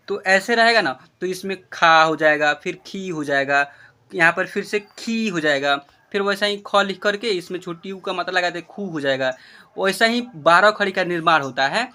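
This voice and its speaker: A man teaching Hindi script in a classroom lesson, drawing out syllables in a slow chant and checking that the children follow. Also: high-pitched, sharp tone. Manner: instructive, checks understanding with the class.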